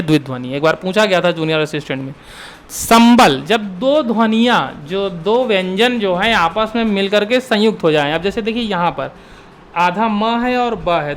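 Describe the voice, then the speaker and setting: High-voiced man teaching Hindi grammar. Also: fairly bright tone, a little hiss or hum. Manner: asks questions then answers them himself; repeats key terms for drilling. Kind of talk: exam-prep lesson.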